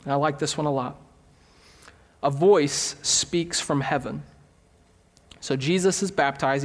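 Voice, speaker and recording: A man preaching in a church with a slightly high voice, relaxed and conversational as he works everyday stories into his sermon. His words ring out with a long reverb from the hall around him. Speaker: pastor. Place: church sanctuary.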